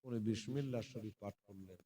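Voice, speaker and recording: A man's voice: fairly low pitch, a little fast, warm tone. A middle-aged man, preaching a sermon in a melodic, sing-song way, stretching phrases into a chant and addressing mothers and sisters. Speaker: Islamic preacher at a religious gathering.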